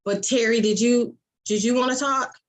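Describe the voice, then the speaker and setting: A woman's voice: fairly high pitch, steady tone, normal speed, low-quality recording. A woman hosting an open discussion, talking earnestly and candidly about her own experiences. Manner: earnest, storytelling, with sudden loud bursts. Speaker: host.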